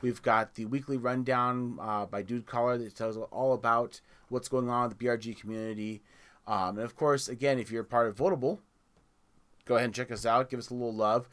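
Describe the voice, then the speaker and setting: A man's voice: mid-range voice, steady tone, a little fast, a bit bright. A man hosting a gaming community podcast, chatting casually, rambling and restarting his words as he plugs the show. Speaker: podcast host.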